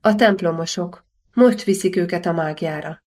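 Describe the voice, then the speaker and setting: A woman's voice: fairly low pitch, a little mellow, natural voice. A woman voicing a scheming, passionate young medieval princess in an audiobook, teasing and self-assured.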